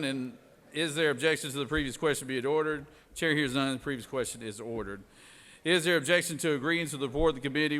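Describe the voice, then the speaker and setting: A man presiding over a legislature, moving through formal procedure with informal, drawn-out phrasing. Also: fairly high pitch, bright, forceful tone. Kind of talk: formal parliamentary procedure with offhand asides. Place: large indoor Senate chamber. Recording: echoey legislative chamber, long reverb.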